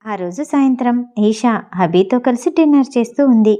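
A woman reading a novel aloud as an audiobook narrator, with steady storytelling. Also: on the high side, moderate pace.

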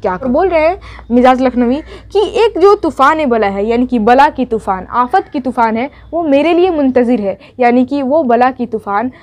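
A woman teacher explaining a poem line by line in a chatty way, reciting the verses more softly. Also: high voice, expressive, moderate pace. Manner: recites verses softly, then paraphrases in plain chat; repetitive, uses fillers like "jo hai na".

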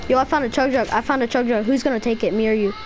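A video game player chatting excitedly and casually with squadmates in slangy frat-bro talk full of "bro" and "bruh". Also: medium pitch, very fast, background noise.

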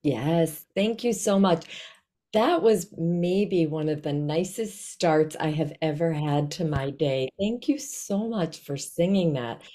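A woman's voice: deep voice, slow, mellow. An older woman speaking as a children's author, giving a simple, encouraging lesson about feelings on a video call. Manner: simple, encouraging step-by-step instruction. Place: small indoor room at home. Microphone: video call, computer mic at desk distance.

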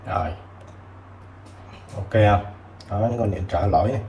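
A man selling used tools who chats casually while showing old multimeters, filling pauses with short words. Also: lowish voice, fairly even intonation, warm tone. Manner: chatty, fills with "đấy" and "rồi". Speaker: used tool seller. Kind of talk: casual product demo. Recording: roomy with faint background noise.

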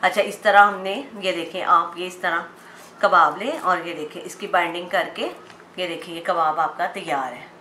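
Woman cooking host, bright chatty voice, step-by-step home recipe, roomy kitchen echo with frying behind. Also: fairly low pitch, steady tone, moderate pace. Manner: chatty, step-by-step, addresses viewers directly. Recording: roomy kitchen echo, faint background noise. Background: oil frying in a pan.

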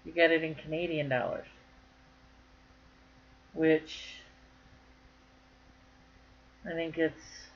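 A woman's voice: deep voice, level tone, very slow, pauses often. Woman, crochet vlogger, casual chat to camera, folksy, joking, slightly dull lo-fi recording. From northern Michigan.

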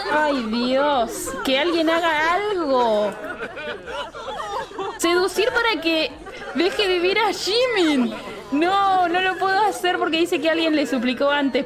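A young woman with a Rioplatense Spanish accent, animatedly commentating her life-simulation gameplay, often laughing and exclaiming. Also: extremely high pitch. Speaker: Sims let's play host.

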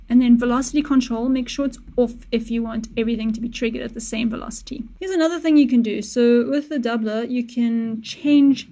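Recording in a small home studio on a boom-mounted studio mic with headphones, a young woman with a slightly high voice guides viewers through music production. Her tutorial is casual and relaxed, moving step by step and correcting herself in small ways along the way.

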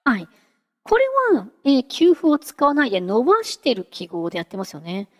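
A woman hosting a casual software tutorial, chatty and giggly, talking her way through a live demo. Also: a little high, big pitch swings, a little fast, in a large hall. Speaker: VTuber host teaching singing-synth software.

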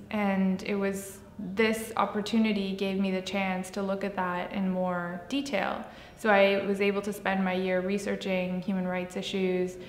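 A woman in her thirties from Pakistan, answering interview questions in an earnest, fluent way. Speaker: program alumna, human rights worker. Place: indoor room with shuttered window. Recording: echoey hall-like room with faint rumble.

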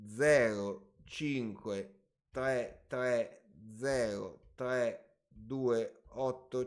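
A man's voice: medium pitch, fairly bright tone. A man hosting a casual live stream about personal finance, reading viewer questions aloud and answering off the cuff with hedges and asides. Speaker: finance channel host.

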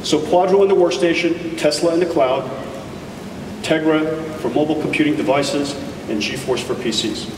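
A man's voice: a little high, recorded from a distance, noisy background. Man giving a keynote in an echoey hall. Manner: enthusiastic, deliberate with emphatic pauses. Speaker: keynote speaker. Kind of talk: tech keynote presentation. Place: large conference hall stage. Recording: echoey hall taped from audience.

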